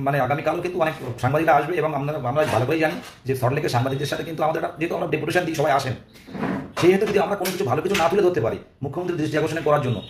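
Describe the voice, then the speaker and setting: Hoarse, very rapid-talking West Bengali man. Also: on the high side. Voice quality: hoarse, strained voice. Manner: urging, repetitive, earnest pleading. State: voice worn out. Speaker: activist leader among job-seeking teacher candidates. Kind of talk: informal live-stream appeal to followers. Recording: echoey, faint background noise.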